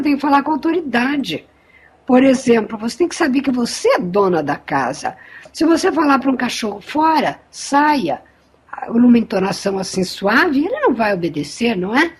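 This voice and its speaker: A woman, co-hosting a spiritual study program, speaking in an animated, emphatic way. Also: high-pitched, slightly rough. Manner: animated, emphatic, warmly insistent. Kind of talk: spiritual teaching talk.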